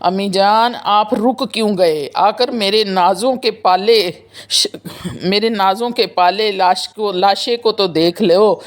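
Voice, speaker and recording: A woman's voice: medium pitch, lightly acted. A woman voicing a grieving noble woman who pleads with her father in anguish, within a religious story.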